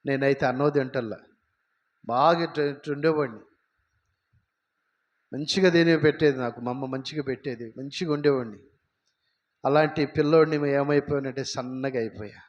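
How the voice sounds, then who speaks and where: A man's voice: mid-range voice, normal speed, pauses often, highs cut off. A man preaching a sermon with personal testimony, emphatic and firing rhetorical questions at the congregation. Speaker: pastor. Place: church.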